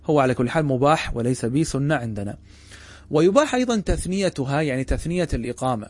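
A man teaching a class as a religious instructor. He keeps putting quick questions to his listeners and then answers them himself. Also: medium pitch, animated, darkish tone. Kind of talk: classroom lecture.

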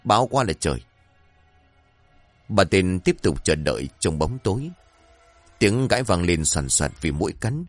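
A man narrating a story in an expressive, dramatic way, with faint music behind. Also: low-pitched, normal speed, no room sound.

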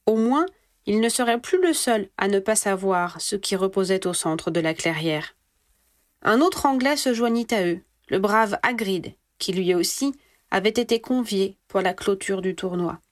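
A woman's voice: mid-range voice, no room sound. Woman reading a story aloud, dry sound. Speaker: reader of fan fiction. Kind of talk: audiobook narration.

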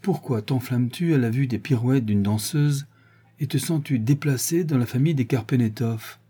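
A man reading a novel aloud as narrator in a calm, measured way. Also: mid-range voice, slightly rough. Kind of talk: audiobook reading.

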